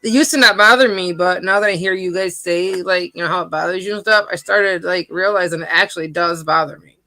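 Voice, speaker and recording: A woman's voice: lowish voice, a little fast, bright, forceful tone, dry recording. A woman chatting casually and bluntly on a livestream from home, rambling between topics. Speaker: livestream co-host. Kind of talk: casual chat.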